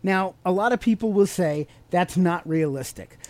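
A man hosts a podcast, teaching motivational ideas in a conversational, explanatory style and putting questions to the listener. His voice sits high, his pace is moderate, and there's no room sound.

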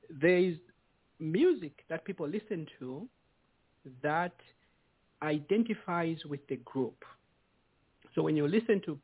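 A man's voice: on the high side, breathy edge, dry recording. Man, tinny and dry. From eastern Zambia. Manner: explanatory, with playful teasing banter. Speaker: radio show host. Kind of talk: radio talk show discussion. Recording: tinny phone-like dry sound.

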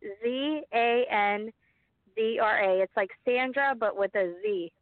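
A woman's voice: a little high, slow, no room sound. A woman calling in by phone, speaking politely and briefly in plain conversation. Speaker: caller. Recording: dry, tinny phone line.

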